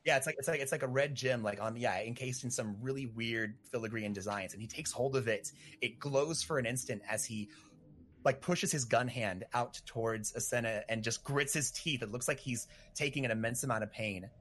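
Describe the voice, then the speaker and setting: A man playing a tabletop role-playing game, informally and haltingly describing what his character does. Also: medium pitch, fairly bright tone, a little hiss or hum. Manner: informal, hesitant, frequent "like".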